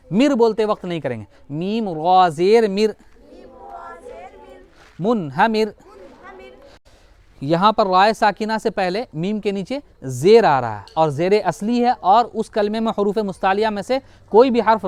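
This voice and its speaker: A man teaching Quran reading, who explains rules and spells out syllables slowly, repeating and correcting them. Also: sits high. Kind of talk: recitation lesson.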